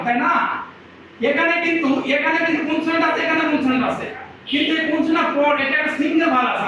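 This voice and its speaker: High-voiced man teaching in an echoey classroom. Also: background noise. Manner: asks the class questions and answers them himself. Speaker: English grammar teacher. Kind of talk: classroom lecture. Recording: echoey room from a distance.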